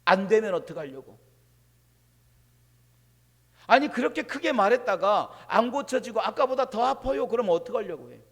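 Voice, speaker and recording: Male pastor, high voice, dynamic sermon delivery with long church reverb. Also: very animated, moderate pace, vocal fry, pauses often. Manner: dynamic, shifting from hushed asides to loud proclamations. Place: church sanctuary.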